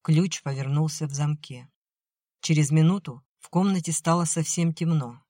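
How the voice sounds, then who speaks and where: A woman narrating an audiobook at a measured, even pace. Her voice sits fairly low, and the recording is dry and close-miked, with no room sound. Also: no echo.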